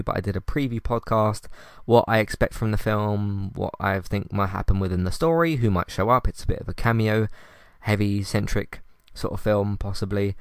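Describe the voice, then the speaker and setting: In a dry, close recording with no echo, a male podcast host calmly runs through his recent episodes and match ratings. His low voice is smooth and resonant, and he speaks conversationally, often starting over or stumbling on fillers.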